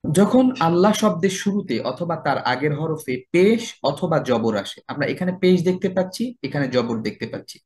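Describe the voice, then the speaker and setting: A man teaching a religious recitation lesson, explaining step by step and slowly drawing out each example word. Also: a little high, expressive, a little mellow. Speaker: tajweed teacher.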